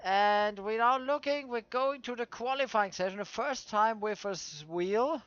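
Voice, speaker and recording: A man with a Swiss German accent, a native German speaker, hosting casual gameplay commentary and searching for his words in halting English. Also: high voice, fairly bright tone, smooth, dry recording. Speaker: host of a racing game video series. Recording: dull lo-fi dry microphone.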